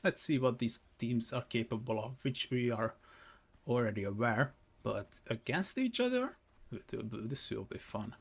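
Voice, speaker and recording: A man calls a live esports match on his own in a mid-pitched, everyday voice. He keeps it chatty and addresses his viewers directly, often stopping to correct himself mid-sentence. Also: animated, unhurried, breathy edge. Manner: chatty, self-correcting, talks straight to viewers. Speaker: esports caster. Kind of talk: live game commentary.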